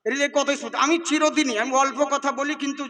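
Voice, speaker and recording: A man preaching a fast-paced sermon on a stage microphone, chatting with the crowd between stories. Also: very high voice, fairly even intonation, bright, forceful tone. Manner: rapid, chatty storytelling with crowd asides. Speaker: Islamic preacher.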